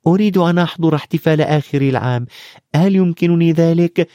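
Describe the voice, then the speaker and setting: A man reading a storybook voices a brave, thoughtful schoolboy. He reasons earnestly in a raised pitch, in a dry, close recording. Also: fast, dark tone, no echo, lo-fi sound, lightly acted. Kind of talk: audiobook character voice.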